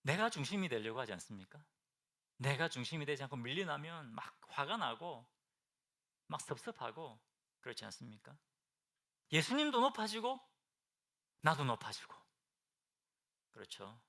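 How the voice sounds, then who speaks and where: A man, a pastor, preaching a sermon. He keeps asking the congregation questions and swings between loud bursts and hushed, near-whispered lines. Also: on the high side, very animated, moderate pace, pauses often. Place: church sanctuary.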